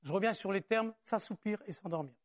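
His voice sits high as he preaches in church, relaxed and conversational like a pastor addressing his own people. Rhetorical questions run throughout the sermon, and reading a passage aloud makes him slower and more measured.

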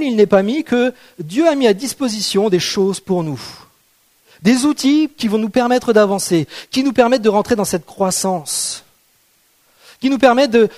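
Male preacher with a high voice, chatty and joking, checks in with the congregation often. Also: expressive, normal speed, darkish tone. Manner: conversational, asks the congregation rhetorical questions; playful, jokes with the audience. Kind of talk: sermon.

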